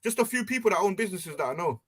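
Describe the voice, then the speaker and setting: A bright, high-pitched young man, swinging his pitch widely as he talks. He sounds like a voice coming through a group voice chat online, pushing an event with street slang. His manner is casual and upbeat. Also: racing, breathy edge. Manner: animated, promotional, street slang. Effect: group voice chat over the internet. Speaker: panel member.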